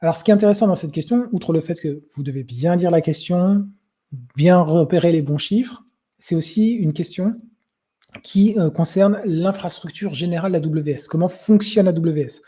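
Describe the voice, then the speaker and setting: Man, webinar presenter, very mellow dark tone, husky, lots of fillers. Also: a little high, moderate pace. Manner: hesitant, many filler sounds, conversational. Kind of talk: explanatory webinar talk.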